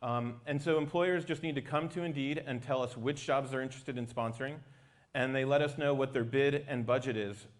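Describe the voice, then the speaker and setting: A man's voice: mid-range voice, fairly even intonation, a little fast. A man giving an explanatory technical talk as a company presenter.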